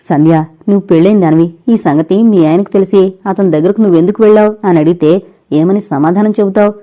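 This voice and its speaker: A woman's voice: on the low side, fast talker, warm tone, natural voice. A woman reading a heartbroken drunk young man. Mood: anguished. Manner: pained, bitter, pleading him away. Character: heartbroken young man drinking himself to ruin.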